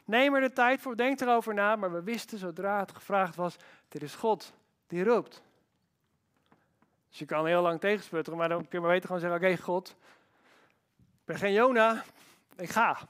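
A man preaching a sermon as pastor, emphatic and animated, with rhetorical questions. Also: sits high, moderate pace, pauses often, clear, resonant tone.

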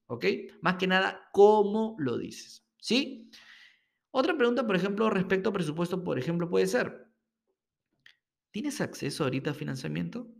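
A man's voice: sits high, gravelly. A man teaching sales technique in a solo podcast, talking emphatically and checking in with the listener often. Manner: animated, emphatic, checks in with frequent "ok?". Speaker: sales coach.

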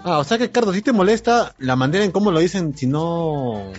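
A man reacts quickly and teases his friends on a podcast call. His voice moves up and down with lively pitch. Dull, lo-fi call audio carries faint music behind him. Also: husky. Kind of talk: casual podcast chat over a video call.

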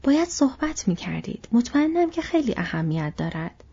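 A woman's voice: on the high side, slightly rough, voice pushed up, full character voice. A woman doing Pippin, a perky curious hobbit. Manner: lively, prying. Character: cheerful curious young male hobbit. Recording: dull lo-fi recording.

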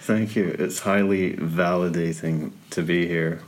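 A man's voice: low voice, fairly even intonation, a little slow. A man guesting on a casual podcast, laid-back and trailing off in restarts. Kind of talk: casual chat.

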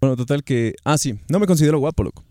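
A man's voice: mid-range voice, expressive, quick pace, mellow, dry recording, studio quality. A young man with an Ecuadorian Spanish accent, chatting casually as a podcast co-host, slangy and full of questions. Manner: slangy, questioning, laid-back. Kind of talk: casual chat.

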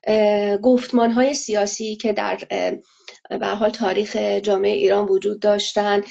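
Gravelly woman, measured interview answers. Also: mid-range voice, little pitch movement, mellow. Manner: measured, hesitant, many filler pauses. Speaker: interview guest. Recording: lo-fi muffled audio.

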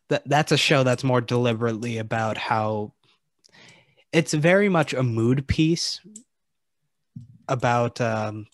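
A man's voice: lowish voice, no echo. A man co-hosting a podcast, talking through ideas thoughtfully with some hesitation and stammered starts. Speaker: podcast co-host. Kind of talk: casual movie discussion.

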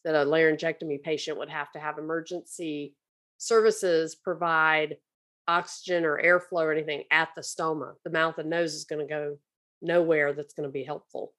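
A woman with a slightly low voice talks conversationally as an interviewer. She stresses and restates the important points as she responds. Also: level tone, moderate pace, a bit bright.

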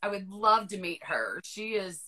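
A woman's voice: mid-range voice, big pitch swings, moderate pace, sharp tone, poor audio. A Southern woman from North Carolina hosting a podcast, asking questions in a chatty, rambling way. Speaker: podcast host. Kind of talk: casual interview chat.

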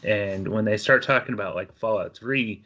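Male podcast co-host, low voice, chatty and easygoing. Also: normal speed, sharp tone, lo-fi sound. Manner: chatty storyteller, laughs often. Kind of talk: casual chat.

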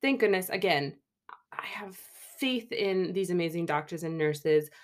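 A woman's voice: on the low side, a little slow. A woman in her thirties from Canada telling a personal story on her podcast, chatty and self-mocking, often laughing mid-sentence. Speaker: podcast host. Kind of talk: casual storytelling monologue.

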